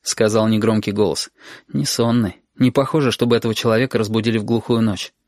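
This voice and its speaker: A man narrating an audiobook in a measured, tense storytelling voice. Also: lowish voice, fairly even intonation, a little mellow, no echo, studio quality. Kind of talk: scripted narration.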